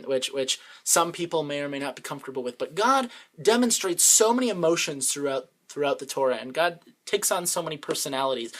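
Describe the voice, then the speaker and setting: A man's voice: fairly high pitch, fairly bright tone. A young man leading an online congregation, giving an earnest, conversational Torah commentary and often thinking aloud with restarts. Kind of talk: casual Torah commentary talk.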